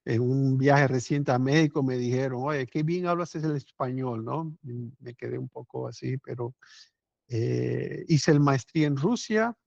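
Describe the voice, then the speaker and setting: A man from Cuba with a Cuban accent softened by years in Brazil, a company founder giving a conversational webinar presentation over a remote call, often adding tag questions. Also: medium pitch, unhurried, vocal fry, no room sound, muffled recording. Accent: Cuban Spanish softened by years in Brazil. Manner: conversational, frequent tag questions, some restarts. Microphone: remote video call.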